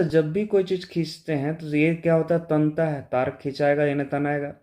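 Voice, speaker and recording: A man teaches board-exam physics. He solves one objective question after another and keeps asking if it is clear. He mixes English terms into his explanations. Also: fairly high pitch, darkish tone. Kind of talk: exam-prep lecture solving objective questions.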